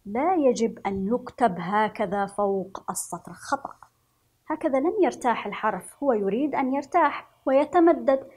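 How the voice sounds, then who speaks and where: A woman with a Yemeni Arabic accent leads a children's reading lesson in a fairly high, breathy voice. She speaks slowly and encouragingly, drawing out letter sounds in a sing-song way. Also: lively intonation, a little mellow. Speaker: teacher.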